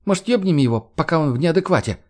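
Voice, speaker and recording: A man's voice: a little high, lively intonation, quick pace, darkish tone, voice pushed up, natural voice. A brash, foul-mouthed young woman , put on by a male narrator with a raised voice sits above his usual register. She sneers and mocks everyone around her in this audiobook. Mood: mocking, crude. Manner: coarse, mocking, swears constantly.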